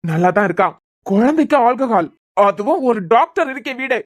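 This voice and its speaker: A woman's voice: a little high, lively intonation, a little fast. A woman with a Kanyakumari Tamil accent voicing an angry young male doctor who scolds his family in a cartoon serial. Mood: stern. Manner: scolding, demanding.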